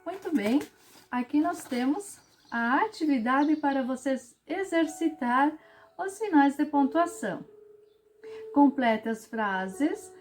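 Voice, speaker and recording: A woman teacher, explaining a lesson patiently and clearly to children and acting out example sentences with lively intonation. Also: high voice, unhurried, soft background music. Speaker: special education teacher.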